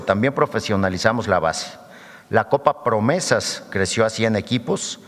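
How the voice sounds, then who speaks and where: Low-voiced man in an echoing hall. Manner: reads figures steadily and calls for the next slide. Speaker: government official presenting at a press conference. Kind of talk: formal prepared presentation. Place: government press conference hall. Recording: long reverb of a large hall.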